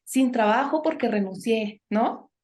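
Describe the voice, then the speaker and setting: A woman's voice: a little high, a little slow, a little mellow. A woman, a guest in a conversational podcast interview, giving earnest advice and often tagging her sentences with questions and "este" fillers. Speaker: guest speaker on impostor syndrome.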